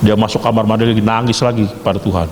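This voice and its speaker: A man teaching a theology class, quizzing students with quick, joking questions and telling stories. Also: on the low side, steady tone. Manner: jokey, rapid-fire questioning of students. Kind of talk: interactive class lecture with storytelling. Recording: echoey hall, faint background hiss.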